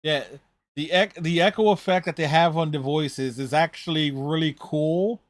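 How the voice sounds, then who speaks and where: A man's voice: on the high side, moderate pace, dry recording. A man hosting a reaction video, giving casual, rambling, conversational running commentary on a TV show.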